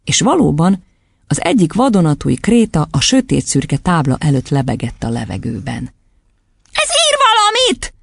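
Woman narrating with a gravelly edge. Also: sits low, expressive, a little mellow, no echo. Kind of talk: audiobook narration.

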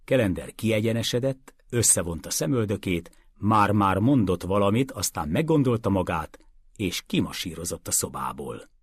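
Guy narrating a story, husky and low, dry close recording. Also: no room sound. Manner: expressive, storytelling delivery. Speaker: audiobook narrator. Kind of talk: scripted narration.

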